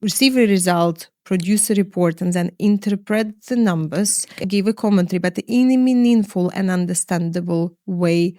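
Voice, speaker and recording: A middle-aged Ukrainian finance executive answers interview questions in a measured way, often pausing to find words and laying out her points one by one. Her voice is warm and on the low side, recorded at studio quality with no room sound.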